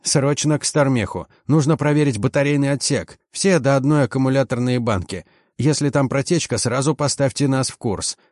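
A man voicing a calm, cheerful male mechanic who speaks in a lifted, reassuring voice in an audiobook. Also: mid-range voice, moderate pace, few pauses, no room sound, studio quality, lightly acted. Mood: businesslike. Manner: reassuring, upbeat. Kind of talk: audiobook character voice.

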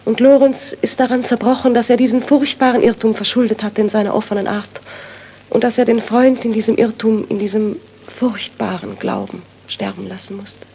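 A sorrowful, guilt-torn widow. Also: female voice, fairly high pitch, lively intonation, normal speed, creaky, warm tone, slight background noise. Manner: earnest, sorrowful, turns to anguished pleading. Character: grieving widow, tormented by guilt, pleading. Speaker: doctor's friend's widow. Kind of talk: 1930s radio acting.

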